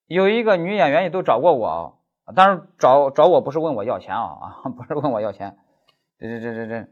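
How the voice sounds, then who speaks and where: A man's voice: medium pitch, big pitch swings, brisk, lo-fi sound. A man giving an exam-prep law lecture as a lecturer, telling stories animatedly with stammered repeats.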